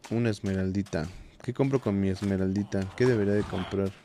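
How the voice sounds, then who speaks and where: A man's voice: on the low side, fairly even intonation, fairly quick, mellow, slight background noise. A man with a Mexican accent chatting casually and joking with his viewers while he plays, swearing freely. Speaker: game streamer. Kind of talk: casual live-stream chat while playing. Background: game music.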